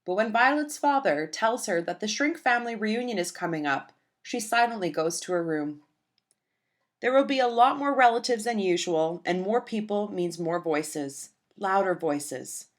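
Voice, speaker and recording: In a gentle, expressive storytelling style, a woman reads a children's picture book aloud at a moderate pace and medium pitch.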